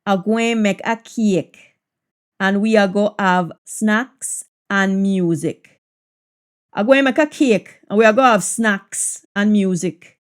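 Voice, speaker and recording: A woman with a Jamaican accent giving a language lesson, deliberately saying and repeating practice sentences in Jamaican Patois. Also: mid-range voice, smooth. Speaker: language teacher.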